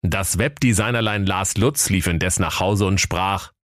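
A man's voice: deep voice, a little slow, fairly bright tone, dry recording, studio quality. A man narrating a comic fairy-tale parody in a mock-solemn storytelling manner.

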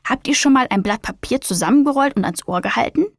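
A woman's voice: fairly high pitch, expressive, fast talker, dry recording, clean studio sound. Woman reading a patient kindly children's doctor. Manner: warm, encouraging, explaining.

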